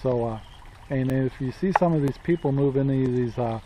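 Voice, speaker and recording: Outdoors in a sunny yard with trees, a Central Oregon homestead vlogger in his sixties speaks casually to a camera held close in front, selfie style. He rambles, says um often and poses questions he then answers. His voice is medium-pitched and moderately paced against a noisy background.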